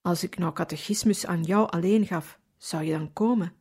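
A woman voicing a gentle, earnest young priest in a storybook reading, asking kind questions. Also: high-pitched, normal speed, slightly rough. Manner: gentle questioning, raised when alarmed.

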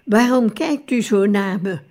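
A woman voicing an agitated, nervous male doctor who shouts and pleads to be believed, read slowly in an audiobook. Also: medium pitch, close to an everyday voice. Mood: agitated pleading.

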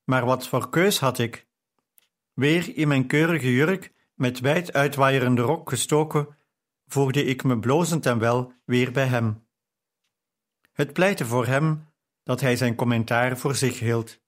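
A man narrating an audiobook in a calm, measured storytelling manner. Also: mid-range voice. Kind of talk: scripted narration.

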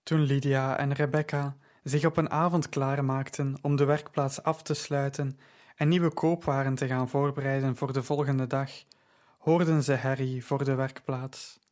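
A man narrating an audiobook story in a measured, even storytelling manner. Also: mid-range voice.

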